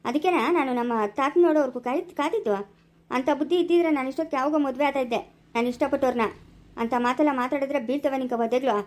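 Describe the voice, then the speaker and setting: A woman's voice: sits high, quick pace, close to an everyday voice. Woman playing a brusque village husband. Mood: scornful. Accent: rural Chikkaballapura Kannada. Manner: curt, scolding, dismissive. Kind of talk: amateur family village drama.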